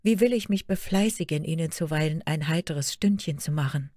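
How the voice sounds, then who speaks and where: Woman voicing a timid young girl, high and earnest. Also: brisk, mellow, no echo, clean studio sound. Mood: eager. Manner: pleading and eager, higher voice. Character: shy, timid young girl, the fairy tale.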